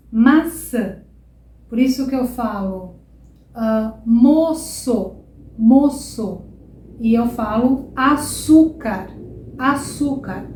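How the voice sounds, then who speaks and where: A Brazilian woman teaching a Portuguese lesson online, repeating example words slowly and checking in with "tá?" and "ok?". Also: high-pitched, echoey room, noisy background. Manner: slow, drawn-out repetition of example words; checks in with frequent "tá?" and "ok?".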